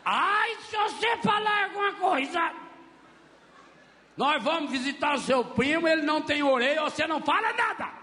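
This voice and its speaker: A man's voice: extremely high pitch, expressive, normal speed, sharp tone, in a large hall, voice pushed up, full character voice. A man voicing a stern mother who hisses threats at her child, with a Brazilian Portuguese accent. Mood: threatening.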